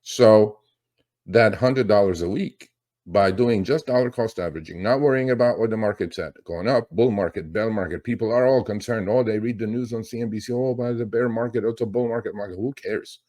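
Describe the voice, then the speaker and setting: Middle-aged male finance host, very low-pitched, loose rambling delivery full of fillers. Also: brisk, dark tone. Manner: rambling, lots of fillers and restarts. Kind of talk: casual market commentary.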